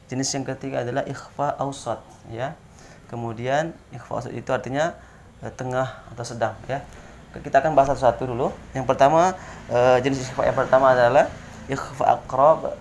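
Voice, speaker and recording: A man's voice: mid-range voice, a little hiss or hum. Man teaching tajwid with frequent "nah, ya". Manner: explains step by step with frequent "nah" and "ya" fillers; spells out Arabic letters slowly one by one. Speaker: Quran recitation teacher. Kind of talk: tajwid lesson at a whiteboard.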